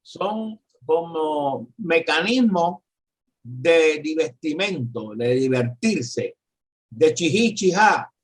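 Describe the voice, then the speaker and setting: Husky Puerto Rican man in his seventies. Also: fairly high pitch, lively intonation, extremely slow. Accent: Puerto Rican Spanish. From Puerto Rico. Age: 70s. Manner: earnest, searching for words, repeats himself. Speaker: guest commentator. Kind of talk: political discussion.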